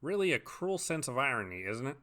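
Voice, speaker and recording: A man voicing a laid-back, wordy cartoon dog detective in a fan animation, with a wry, even-tempered manner. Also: medium pitch, brisk.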